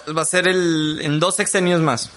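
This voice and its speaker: A young man with a Mexican Spanish accent talks as a podcast co-host. His voice is bright and a little high. He chats loosely, heavy on slang and the odd swear. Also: little pitch movement, normal speed. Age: young adult. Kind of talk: casual chat.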